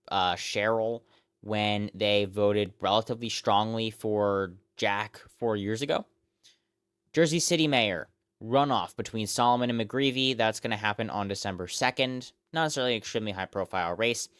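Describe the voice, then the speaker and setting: An American man with a clean, smooth voice hosts a live election results stream. He speaks off the cuff, reeling off numbers and places and often repeating himself. The sound is dry and close, with little room to it. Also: on the low side, fairly bright tone, no echo. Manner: halting, often repeats himself, reels off figures and place names.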